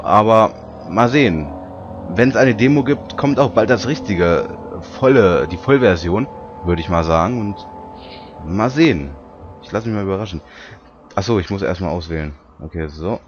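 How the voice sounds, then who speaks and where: A lower-pitched man chats through a horror game, cracking jokes and stumbling over the English text he reads aloud. His voice comes through a dull, lo-fi recording with a faint bed of music underneath. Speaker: let's play commentator. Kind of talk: casual gaming commentary.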